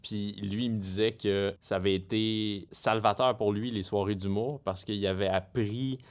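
Male interviewer, lowish voice, measured and friendly host. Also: fairly even intonation. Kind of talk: interview questions.

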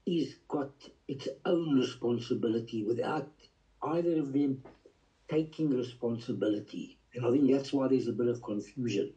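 Man on a video call, mellow voice, calm explainer, muffled audio. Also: medium pitch, normal speed. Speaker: study group participant. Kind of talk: text study discussion.

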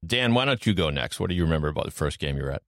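A man's voice: a bass voice, animated, racing, vocal fry, fairly bright tone, no echo, studio quality. A man hosting a casual podcast, asking quiz-style questions in an upbeat, joking way. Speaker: podcast host.

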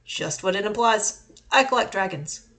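A woman reading the lines of a calm, secretive man who keeps dragons, explaining things matter-of-factly. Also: medium pitch, moderate pace, close to an everyday voice. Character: calm, secretive adult male dragon collector.

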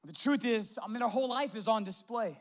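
A man's voice: sits high, animated, brisk. A man with a Midwestern American accent, a pastor preaching a sermon with impassioned delivery, restarts and rhetorical questions.

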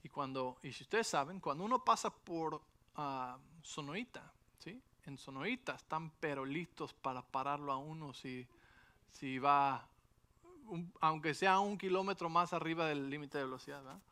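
Speaking at a fairly high pitch and moderate pace, a middle-aged man preaches a sermon built around a personal story. He checks in with the congregation frequently, telling it animatedly and sprinkling in rhetorical asides.

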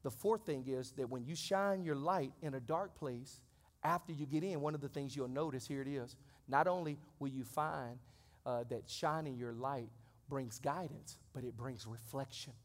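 A pastor in his forties preaching a sermon in a church. He talks conversationally and then swells into loud, high-pitched exclamations. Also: moderate pace, long reverb tail. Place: church sanctuary.

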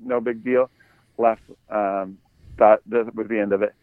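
A man's voice: fairly low pitch, steady tone, a little slow, no room sound. Casual male podcast storyteller, easygoing, dry phone-like sound. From United States. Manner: laid-back, chuckles through his story. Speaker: podcast co-host.

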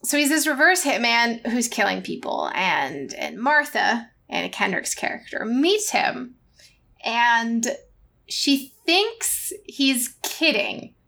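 High-voiced enthusiastic woman co-host. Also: sing-song, gravelly, bright, forceful tone. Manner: enthusiastic, quick bursts, mimics characters. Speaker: film podcast co-host. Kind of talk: casual movie discussion.

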